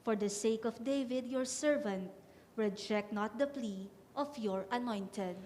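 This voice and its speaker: A woman's voice: fairly high pitch, a little slow, a little mellow. A woman solemnly reading scripture and psalm as lector in a reverberant church. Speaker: lector at Mass. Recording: echoey church, clear background noise.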